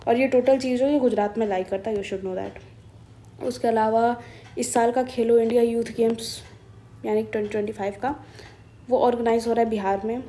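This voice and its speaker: A woman from India walks exam students through a newspaper. Her voice sits a little high, with a soft, mellow tone. She chats her way through each point, slipping into English phrases and pausing to search for the right word. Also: fairly even intonation, a little hiss or hum. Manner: chatty and explanatory, mixing in English phrases; thinks aloud with hesitations and self-corrections. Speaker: current-affairs teacher.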